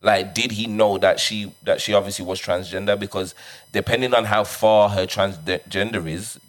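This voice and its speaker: Low male voice, London roadman accent and slang, casual group discussion. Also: steady tone, moderate pace.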